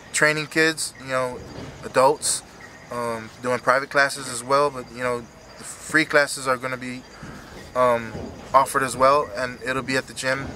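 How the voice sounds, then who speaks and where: A man in his thirties speaking emotionally and haltingly in an earnest, unscripted post-fight interview as a retiring fighter. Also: medium pitch, noisy background. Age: 30s. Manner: halting, earnest, repeats himself.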